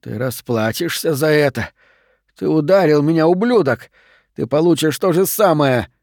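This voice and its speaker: A man's voice: fairly high pitch, sing-song, unhurried, no echo, clean studio sound. A man voicing a snarling teenage bully. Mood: furious. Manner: snarling, shouting, insolent. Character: rude aggressive teenage boy bully.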